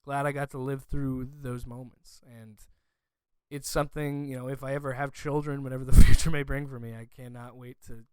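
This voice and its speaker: Young guy gushing on a podcast, smooth voice, dry close sound. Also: mid-range voice, flat delivery, brisk, darkish tone, no echo. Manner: emotional and gushing, with frequent fillers. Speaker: podcast host. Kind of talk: casual movie review chat.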